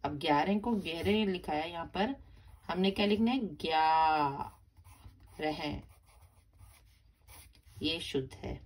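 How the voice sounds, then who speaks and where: Deep-voiced and slow, with frequent pauses, this teacher leads a grammar lesson for young children. She breaks words into syllables, repeating and emphasizing each for the kids.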